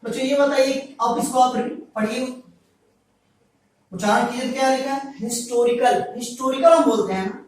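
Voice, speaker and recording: A man's voice: extremely high pitch, normal speed, darkish tone, slight background noise. A male teacher giving a grammar lesson to students, repeating each point and answering his own questions. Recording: very echoey room, voice far from mic.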